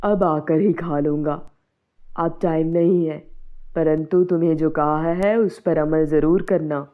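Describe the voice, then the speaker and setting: Brief: a gruff, fretful village husband, low and tinny, cartoon dub. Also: female voice, fairly even intonation, unhurried. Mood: stern, worried. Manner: scolding, then wailing in grief. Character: worried village husband, man, middle-aged, stern. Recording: tinny phone-like sound.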